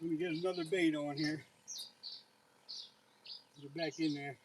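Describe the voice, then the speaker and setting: A man livestreaming a catch from a riverbank outdoors, excited and out of breath, exclaiming often. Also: on the high side, a little slow, very noisy. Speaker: fishing livestreamer. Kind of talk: live fishing stream chat.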